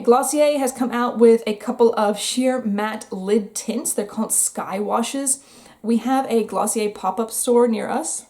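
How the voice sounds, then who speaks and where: A woman's voice: mid-range voice, a little mellow. A young American woman chatting casually and candidly about new makeup releases, with wry asides. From United States. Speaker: beauty vlogger. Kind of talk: casual makeup review chat.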